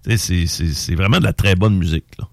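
A man's voice: sits low, quick pace, creaky, dry recording, clean studio sound. A middle-aged man with a Québécois accent hosting a casual chat, rambling and hesitant with lots of fillers. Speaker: podcast host.

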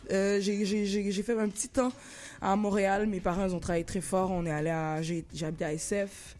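A woman in her thirties with a Québécois French accent, a rapper chatting in an interview, laid-back, halting, full of slang and restarts. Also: medium pitch, little pitch movement, a little mellow. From Laval, Quebec. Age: 30s. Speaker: rapper guest. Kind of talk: casual interview chat.

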